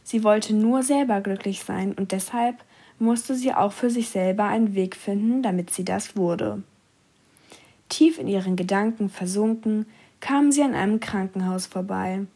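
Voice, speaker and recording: A woman reading a children's story aloud in a calm, even storytelling manner. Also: medium pitch, a little slow, husky.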